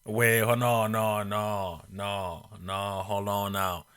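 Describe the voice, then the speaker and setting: A man's voice: lowish voice, little pitch movement, takes it slowly, a bit bright, clear, resonant tone. A man in his twenties hosting a podcast in casual chat, rambling and joking, with many restarts. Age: 20s. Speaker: podcast host.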